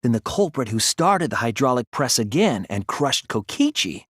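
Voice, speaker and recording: A man voices an earnest, soft-spoken teenage boy detective in an English video game, talking through a deduction in a focused, explanatory monologue. His slightly breathy, medium-pitched voice has a sing-song quality, and he analyzes things deliberately with dramatic emphasis. The dry recording is studio quality.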